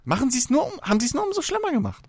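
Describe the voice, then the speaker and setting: A man's voice: extremely high pitch, wildly swooping pitch, rapid-fire, breathy edge, no room sound, studio quality. A man in a heated casual debate, talking emphatically and arguing his point, swearing freely.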